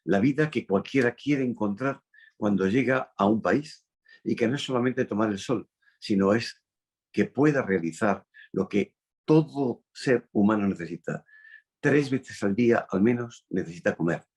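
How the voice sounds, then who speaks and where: A man from Spain hosting an interview, speaking emphatically with drawn-out phrases and falling endings. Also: on the low side, a little mellow, breathy edge. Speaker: host.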